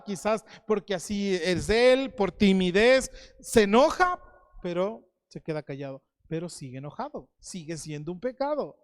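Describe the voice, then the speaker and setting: Animated man preaching a sermon. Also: high voice, no echo, studio quality. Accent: Ecuadorian Spanish. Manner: animated, swings between loud exclamations and quiet asides.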